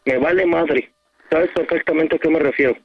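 A man's voice: a little high, moderate pace, dry recording. A man with a Mexican accent arguing heatedly on a phone call, curt, angry and swearing, threatening to leave. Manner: foul-mouthed. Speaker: prank call victim on a radio show.

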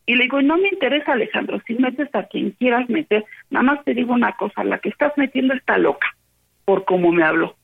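A woman's voice: a little high, fast, gravelly, slightly rough. A woman with a Mexican Spanish accent, upset and agitated, telling a friend over the phone about an argument and acting out both sides. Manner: animated storyteller, quotes both sides. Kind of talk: casual phone chat, retelling an argument. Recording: tinny phone line.

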